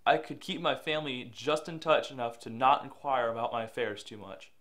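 A man's voice: medium pitch, a little fast, close to an everyday voice. Young man playing a regretful troubled youth. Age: young adult. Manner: quiet and regretful in narration, shouting in anger. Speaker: lead actor and narrator. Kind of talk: reflective voice-over narration and dialogue.

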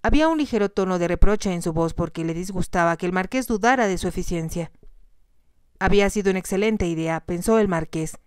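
A woman calmly narrating a romance novel as a soft ASMR reading on a close mic. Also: fairly low pitch, a little fast, smooth, no room sound. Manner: calm, even narration. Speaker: storyteller.

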